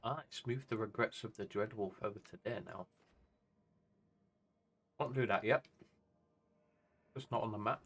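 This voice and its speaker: A man's voice: on the low side, unhurried, pauses often, a bit bright, breathy edge. Rambling man streaming a game. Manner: rambling, thinking aloud, chatty with chat. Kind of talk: casual gameplay commentary.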